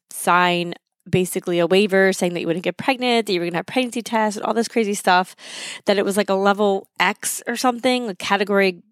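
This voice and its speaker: A woman's voice: mid-range voice, no echo, studio quality. A woman in her thirties hosting a solo podcast, talking in a chatty, conversational way from her home. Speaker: podcast host. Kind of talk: casual solo podcast talk. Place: indoors at home, recorded in a basement.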